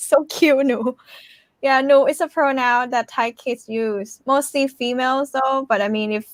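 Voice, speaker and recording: A woman with a lightly high voice hosts an informal live chat. She is expressive and quick to react to what she hears. The sound is very dry, with no room around her. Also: no echo. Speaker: host of a language-teaching channel. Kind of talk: casual live chat with a guest and commenters.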